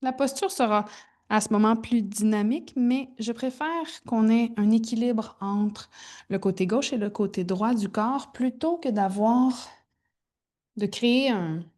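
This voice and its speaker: A woman teaches a gentle yoga class, giving soft, informal cues with pauses as she demonstrates. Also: medium pitch. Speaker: yoga instructor.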